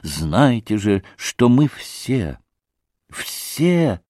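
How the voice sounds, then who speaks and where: A man voicing an excitable middle-aged society lady who talks effusively and breathlessly. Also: medium pitch, drawn-out words, no room sound, studio quality. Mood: gushing. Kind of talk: audiobook character voice.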